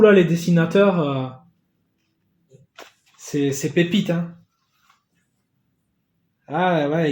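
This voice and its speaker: A man in a casual unboxing vlog who gets excitable, swears casually and thanks the sender again and again. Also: high-pitched, roomy sound. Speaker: YouTuber opening a gift parcel.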